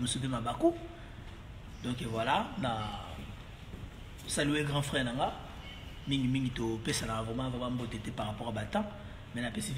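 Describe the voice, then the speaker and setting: Congolese guy rambling on, lots of fillers and repeats, roomy echo, faint background hum. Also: mid-range voice. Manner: rambling, mixing French and Lingala, many fillers and repeats. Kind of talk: casual monologue to camera. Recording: roomy echo, long reverb, faint ambience.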